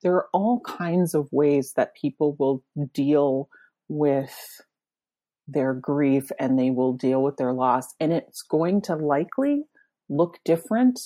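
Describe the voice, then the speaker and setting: A woman co-hosting a podcast, speaking calmly and affirmingly in casual chat. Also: sits low, slow. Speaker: podcast co-host.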